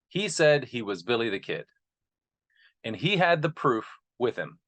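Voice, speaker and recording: A man acting as host and narrator speaks earnestly, presenting material to his listeners in a mid-range, slightly bright voice. He opens with an informal introduction and then reads a speech aloud.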